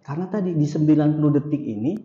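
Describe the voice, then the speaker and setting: A man's voice: on the high side, lively intonation, racing. A man giving an Islamic study lecture in a mosque, repeating each point for emphasis. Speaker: Islamic teacher. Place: mosque hall. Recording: echoey hall, dull lo-fi sound.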